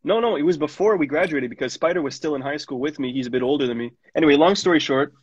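A man's voice: on the high side, fast talker, breathy edge, no room sound. A young man, a music producer telling stories in a casual radio interview, rambling and slangy with lots of fillers. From Montreal, Canada. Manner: rambling, laid-back slang-heavy storytelling with lots of fillers. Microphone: studio mic. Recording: dull lo-fi radio studio.

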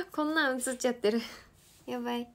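A young woman hosting a casual livestream from her family home, chatting with viewers and cooing gently at her dogs. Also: sits high, lively intonation, normal speed. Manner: chatty, reads out viewer comments and coos softly at her dogs. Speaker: livestream host.

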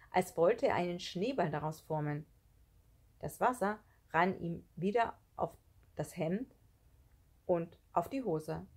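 A woman reading a children's book chapter aloud in an expressive, steady storytelling manner. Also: on the low side, breathy edge. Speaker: audiobook reader.

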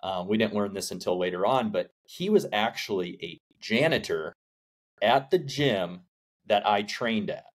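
A man in his late thirties hosts a podcast from a home studio. His voice sits somewhat low, and he talks in an easygoing, conversational way, stopping often on small fillers. He is close to a studio microphone. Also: measured pace. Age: 30s. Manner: relaxed, conversational, leans on fillers. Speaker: podcast host. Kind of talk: casual interview. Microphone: large studio condenser mic in frame.

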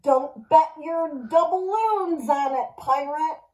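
A sweet, kindly poem storybook that chimes its words in sing-song rhyme, as a woman puts it on. Her voice rides high and unhurried, lilting like a storybook reading. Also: mellow, recorded from a distance, rough recording.

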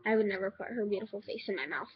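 A teenage girl with hiccups chatting excitedly and rambling in a home unboxing vlog. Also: medium pitch, rapid-fire. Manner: excitable, rambling, many fillers. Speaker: vlogger. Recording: lo-fi home recording.

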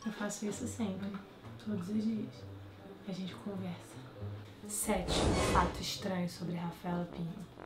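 A woman's voice: on the low side, little pitch movement, measured pace, heavy background noise. A young woman in her twenties with a Brazilian Portuguese accent, chatting playfully with her viewers in a casual vlog. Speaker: vlogger. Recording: echoey room with faint music.

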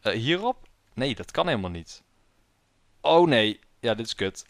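A man's voice: medium pitch, big pitch swings, unhurried, no echo, studio quality. A young man giving jokey, self-mocking commentary while playing a video game. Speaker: gaming YouTuber. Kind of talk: casual let's-play commentary.

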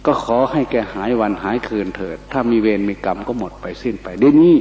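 Older monk, dark mellow voice, lively storyteller, dull echoey hall recording. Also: male voice, on the low side, fast, slight background noise. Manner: animated storyteller, acts out quoted voices, slips into Isan dialect. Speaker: Buddhist monk giving a dharma talk. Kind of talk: storytelling sermon.

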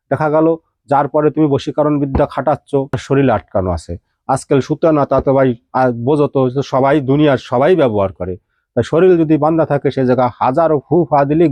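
Male ritual teacher, mellow tone, dry close sound, explains each step plainly. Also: mid-range voice, no echo. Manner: steady step-by-step instructing, addressing listener informally. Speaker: tantric practitioner teaching rituals. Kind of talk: spoken ritual instructions.

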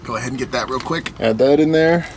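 A young man vlogging as he cooks in a small camper van kitchen, relaxed and chatty. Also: medium pitch, fast. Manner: relaxed, chatty, talks while cooking. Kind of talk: casual cooking vlog. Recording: noisy camper van recording.

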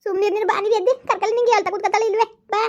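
A woman voicing a steady older village neighbour, comforting a crying friend. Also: very high-pitched, rapid-fire, pitched above the performer's own voice. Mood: soothing, urging. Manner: soothing, urging the other to stop crying. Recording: dull lo-fi recording.

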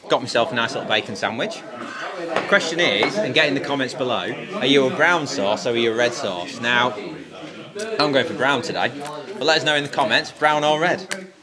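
A man's voice: medium pitch, expressive, moderate pace, crowd noise. A man presenting a casual fishing vlog outdoors, talking viewers through the venue with chatty enthusiasm. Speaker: fishing vlogger. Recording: outdoor recording with clear background noise.

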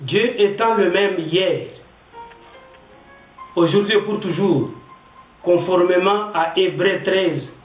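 A pastor from the Democratic Republic of the Congo, preaching a sermon and reading scripture in short, deliberate phrases. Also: male voice, high-pitched, far from the mic. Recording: echoey room, voice off-mic, faint music.

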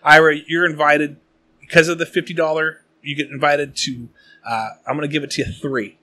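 A man in his late thirties hosts a laid-back podcast, chatty and rambling. His voice sits a little high and sounds bright and forward. He is from the Pacific Northwest. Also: level tone, brisk. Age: late 30s. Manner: chatty, rambling, reads shout-outs. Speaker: podcast host. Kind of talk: casual podcast chat.

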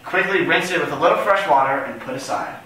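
A man's voice: a little high, fast talker, bright, forceful tone. A young man hosting a playful mock cooking show in a home kitchen, talking in a jokey, theatrical way, picked up from across the room. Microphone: far camera mic. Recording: echoey kitchen from far off, faint noise.

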